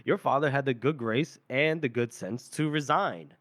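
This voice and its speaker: A man's voice: mid-range voice, moderate pace, a bit bright, lightly acted. A man reading aloud the lines of a smug, sarcastic male court official in a dry, mocking tone.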